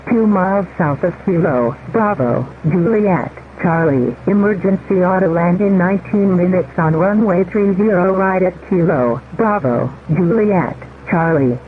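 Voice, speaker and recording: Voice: medium pitch, measured pace, hardly any pauses. A synthetic automated voice making scripted emergency autoland announcements over aviation radio, word by word. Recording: narrow radio transmission, static noise.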